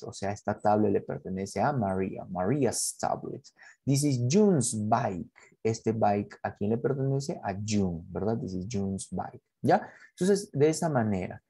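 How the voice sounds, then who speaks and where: A man teaching an English lesson, explaining a school project and slowly modeling example phrases, checking in with short tag questions. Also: medium pitch, vocal fry, dark tone, husky, no room sound.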